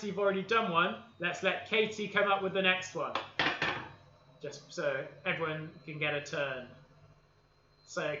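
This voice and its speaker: A Welsh man hosts a kids' baking livestream from his home kitchen, his high voice very bright and tense. He's upbeat and playful, guiding the children through baking and a game of I Spy, over echoey, dull lo-fi audio with a little hiss or hum.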